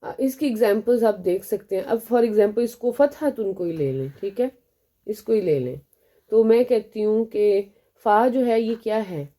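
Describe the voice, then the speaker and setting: A woman with a Pakistani Urdu accent gives a beginner language lesson, asking questions and then answering them herself. Her voice has a very sharp, tense edge at an ordinary pitch. She slows down to sound out each letter. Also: lively intonation. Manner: explains step by step, asks and answers own questions. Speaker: Arabic teacher.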